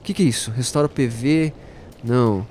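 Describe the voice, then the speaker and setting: A man giving playful, jokey let's-play commentary, talking to his viewers and bursting out excitedly during fights. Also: mid-range voice, normal speed, a little hiss or hum. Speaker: gaming YouTuber.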